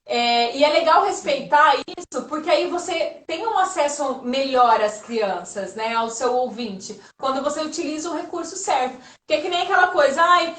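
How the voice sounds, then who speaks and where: A woman's voice: sits high, a bit bright. Woman explaining, distant and roomy. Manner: explanatory, often checking in with a tag question. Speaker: guest storyteller. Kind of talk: casual live chat.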